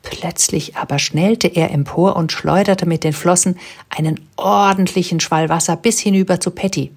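A woman reads a children's storybook aloud in a calm, even storytelling manner. Her voice sits low and has a husky, breathy grain. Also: normal speed. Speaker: narrator. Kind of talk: scripted storybook narration.

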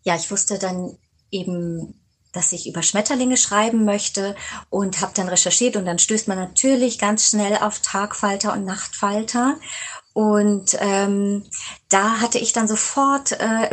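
A woman's voice: mid-range voice, slightly rough. A woman author answering interview questions, thinking aloud as she goes.

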